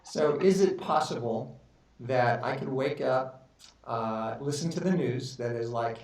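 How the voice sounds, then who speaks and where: A man's voice: mid-range voice, unhurried, darkish tone. Distant echoey man asking questions. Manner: hesitant, repeats words while asking. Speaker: podcast host. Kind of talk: casual interview questions. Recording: echoey room heard from a distance with faint noise.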